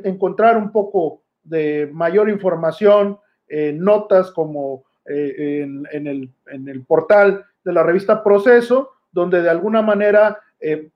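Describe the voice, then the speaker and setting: A Mexican man with a high voice addresses his listeners as an informal news commentator. He hesitates and repeats phrases as he goes. The sound is slightly dull and lo-fi. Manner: halting, repetitive, rhetorical questions. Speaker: host of a political news commentary channel.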